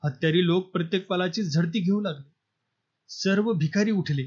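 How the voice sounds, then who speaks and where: High-voiced man reading a novel aloud. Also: moderate pace, a little mellow, breathy edge, highs cut off. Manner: dramatic storytelling, voices characters lightly. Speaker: audiobook narrator.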